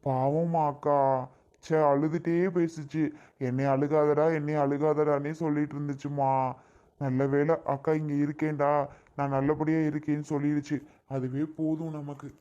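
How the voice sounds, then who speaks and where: A man's voice: a little high, flat delivery, normal speed, mellow, muffled recording, lightly acted. A man playing a grown son in a family skit, talking in a blunt, scolding way. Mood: reassuring. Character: blunt adult son, irritable.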